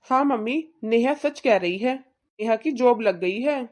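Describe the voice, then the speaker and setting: A woman voicing a young married son in a cartoon, calm and reasoning. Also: fairly high pitch, a little slow.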